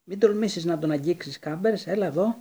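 A jumpy, blunt teenage boy from an audiobook snaps and frets in a husky, slightly raised voice, as a male narrator puts him on. The sound stays mellow and warm. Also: high-pitched, pitched above the performer's own voice. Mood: frantic. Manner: jittery, snapping.

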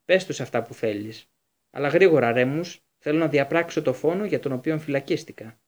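A man's voice: on the high side, a little mellow, close to an everyday voice. A man voicing a gaunt, vengeful escaped prisoner who growls his lines fiercely in an audiobook.

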